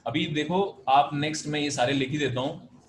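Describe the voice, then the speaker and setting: A man's voice: on the high side, normal speed, reverberant, slight background noise. A man with an Indian accent teaching a math class over a video call, explaining patiently and switching between Hindi and English. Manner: patient, explanatory, mixes Hindi and English, calls students "beta". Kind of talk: online class lecture.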